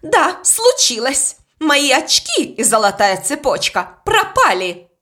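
A woman's voice: high-pitched, big pitch swings, slow, bright, forceful tone, pitched above the performer's own voice, full character voice. Haughty angry governess, as a woman reads her. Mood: angry, accusing. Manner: snapping, accusing.

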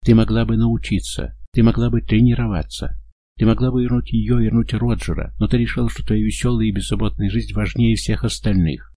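A man playing a desperate, furious young man who shouts, pleads and accuses. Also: on the low side, moderate pace, creaky, slightly rough, no room sound. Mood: accusing.

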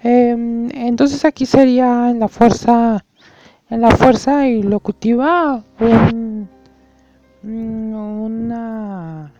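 A nervous young female student stumbles through guesses in a thin, squeaky voice full of pauses, put on by a man. Her voice is pushed high, well above the speaker's own. Dull lo-fi audio with faint music behind. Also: fairly even intonation, dark tone, dry recording, exaggerated voice. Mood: unsure. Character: flustered young female student, unsure and hesitant.

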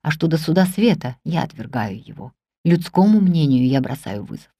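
Woman reader doing an ardent middle-aged man: low, intense, dry close audiobook sound. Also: expressive, unhurried, warm tone, dry recording. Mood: brooding. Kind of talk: audiobook character reading.

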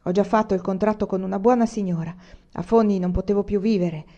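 A woman reading the lines of a weary, guarded peasant mother in a storybook, her manner plain and low-key, on a dull lo-fi recording. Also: fairly even intonation, fast talker, warm tone, natural voice. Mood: curt.

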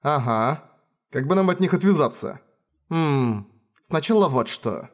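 A man's voice: fairly high pitch, expressive, a little slow. A man voicing a stern young woman officer who speaks in a cold, clipped way. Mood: cool.

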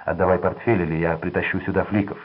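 A man voicing a cold, greedy male swindler who talks gruffly and with contempt. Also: deep voice, little pitch movement, quick pace, dull audio. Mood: mocking.

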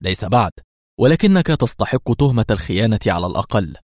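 A man's voice: lowish voice, big pitch swings, fast talker, darkish tone, slightly rough, dry recording, clean studio sound. Defiant fierce woman agent, read by a man. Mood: scornful. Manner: scornful, defiant.

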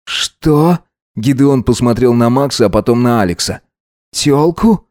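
A man narrating an audiobook in a calm, measured way. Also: mid-range voice, dry recording, clean studio sound. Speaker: audiobook reader. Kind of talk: scripted narration.

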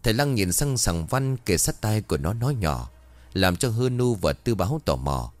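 A man narrating a ghost story in animated storytelling. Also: on the low side, normal speed, dry recording.

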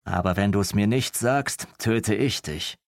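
A man voicing an enraged immigrant father who shouts threats at his brother-in-law in an audiobook. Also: lowish voice, sing-song, brisk, no echo, clean studio sound.

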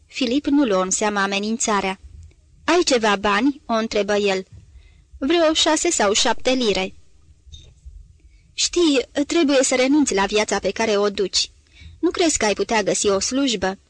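A woman reading a literary novel aloud as an audiobook, measured and grave, giving the dialogue a voice. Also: on the high side, no echo. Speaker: audiobook reader.

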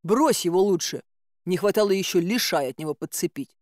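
A woman voicing a slow-witted male guard in an audiobook, musing and dismissive. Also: lowish voice, expressive, darkish tone, no room sound, studio quality, lightly acted.

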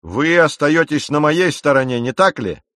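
A man voicing a furious, domineering ship captain who shouts and rages at his crew. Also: on the high side, animated, normal speed, no room sound, clean studio sound, pitched above the performer's own voice. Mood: mocking. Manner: shouting, raging, commanding.

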